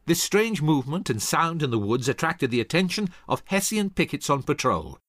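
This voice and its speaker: A man's voice: on the high side, very animated, normal speed, a bit bright, no echo, clean studio sound. A man narrating a scripted history story dramatically, acting out the voices of the people in it. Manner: dramatic, acts out quoted voices.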